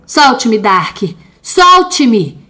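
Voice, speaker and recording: A woman's voice: mid-range voice, slow, darkish tone, breathy edge, faint music behind. A woman voicing a terrified young man, crying out and pleading in a horror audio story. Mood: panicked. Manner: panicked cries and pleas. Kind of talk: dramatic audio-story reading.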